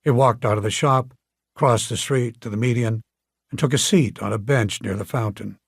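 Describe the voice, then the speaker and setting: A man narrates an audiobook in a measured, storytelling manner. His voice is husky and mid-pitched. The recording is close and dry. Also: no room sound. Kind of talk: scripted narration.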